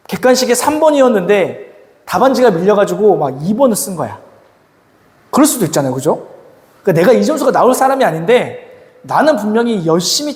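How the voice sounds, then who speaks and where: A man preaching to teenagers as a youth pastor, often asking the audience questions. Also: high-pitched. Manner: lively, asks the audience questions and acts out quoted voices. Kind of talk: sermon to teenagers. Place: church hall. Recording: echoey hall with long reverb.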